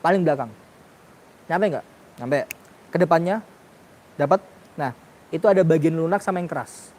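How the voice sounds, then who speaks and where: A man's voice: a little high, moderate pace, darkish tone. A man teaching a class on Quranic pronunciation, questioning his students and sounding out letters for them. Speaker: tajwid teacher.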